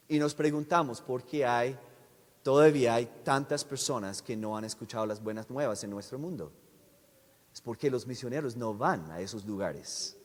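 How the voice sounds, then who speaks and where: A man giving a sermon testimony as a visiting missionary speaker. He speaks haltingly, restarts his words often and keeps checking with the audience. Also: mid-range voice. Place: church sanctuary. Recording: long echo of a large church hall.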